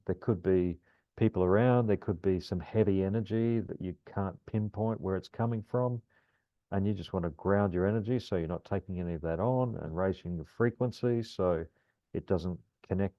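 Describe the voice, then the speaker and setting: Deep-voiced man leading a calm grounding exercise. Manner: calm, gentle, soothing instruction. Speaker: guided meditation teacher. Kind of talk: calm guided grounding meditation. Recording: roomy, slightly dull lo-fi sound.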